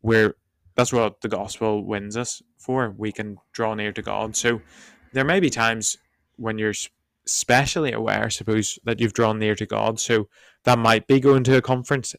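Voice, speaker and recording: A man who preaches, talking things over on a podcast in a reflective, hedging way with a croaky voice. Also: lowish voice, steady tone, moderate pace, few pauses, dry recording. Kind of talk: podcast discussion.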